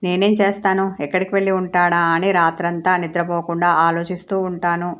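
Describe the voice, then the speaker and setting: A woman's voice: fairly low pitch, little pitch movement, a little fast, a bit bright, muffled recording, lightly acted. A woman voicing a sulky, jealous young woman in a romance story read aloud. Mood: pouting. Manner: pouting, indignant.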